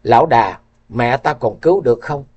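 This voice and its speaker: A man's voice: mid-range voice, normal speed, darkish tone, breathy edge, muffled recording, lightly acted. Man voicing a grieving young fairy woman. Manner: crying and pleading. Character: young woman fairy warrior, grief-stricken daughter.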